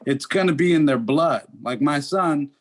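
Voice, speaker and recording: A man's voice: a little high, normal speed. A Dominican American man in a casual podcast discussion, explaining his views earnestly with statistics and many restarts. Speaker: podcast co-host.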